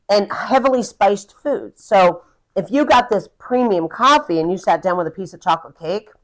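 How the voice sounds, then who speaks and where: A woman who runs a coffee roastery, chatting casually to camera and sharing tasting tips in a lively, self-deprecating way. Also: fairly low pitch, poor audio.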